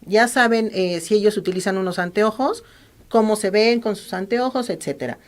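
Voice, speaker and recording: A woman doctor with a Mexican accent, calmly explaining practical medical advice as an interview guest. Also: mid-range voice, moderate pace. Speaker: ophthalmologist guest.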